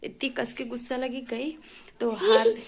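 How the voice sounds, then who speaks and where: A woman's voice: a little high, flat delivery, unhurried. A mother in her thirties recording a casual home vlog, chattily recounting a family squabble to the camera. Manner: chatty, recounting a household scuffle with a laugh. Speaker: mother and vlogger. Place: home, indoors.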